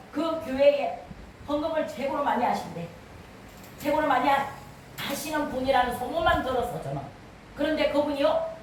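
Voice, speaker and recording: A woman pastor preaching a sermon with fervent, rising exhortations. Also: high voice. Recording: echoey hall from far off, light noise.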